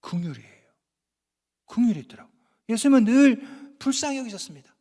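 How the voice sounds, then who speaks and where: A man's voice: very high-pitched, animated, fairly quick, mellow. A middle-aged male pastor preaching a sermon in a folksy, conversational way, with rhetorical questions to the congregation. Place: church sanctuary. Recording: long hall reverb.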